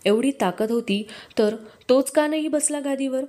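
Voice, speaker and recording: Drunk, mocking male chieftain, as a woman reads him, pitched up, dark tone. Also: moderate pace, close to an everyday voice. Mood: scornful. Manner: mocking, scornful, shouting.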